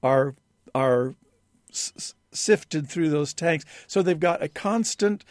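Halting man chatting on the radio. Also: fairly high pitch, lively intonation, no room sound, studio quality. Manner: halting, with many restarts and fillers. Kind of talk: casual radio chat. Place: radio studio.

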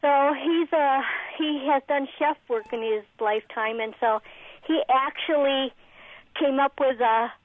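Chatty high-voiced woman on a phone line. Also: unhurried, no room sound. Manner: chatty, rambling storyteller. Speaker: radio show caller. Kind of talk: phone call to a radio show, telling an anecdote.

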